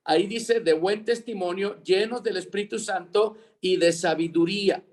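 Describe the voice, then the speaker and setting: A man's voice: high-pitched, moderate pace. A man teaching a Bible leadership lesson over a video call, dictating words for students to fill in and repeating them.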